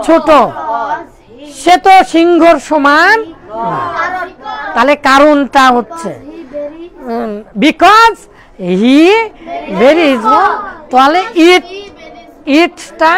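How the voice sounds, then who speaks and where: A woman's voice: high voice, fairly bright tone. A woman teacher giving a classroom lesson, emphatic and repetitive, drawing out English example questions and quizzing the class with rhetorical questions.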